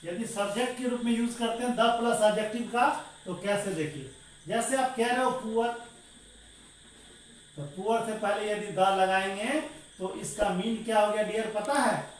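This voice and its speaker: A man with a high, somewhat slow voice teaches English grammar to a class, asking questions and supplying the answers himself and repeatedly calling his listeners "dear". The room is very echoey, he's far from the mic, and there's faint noise.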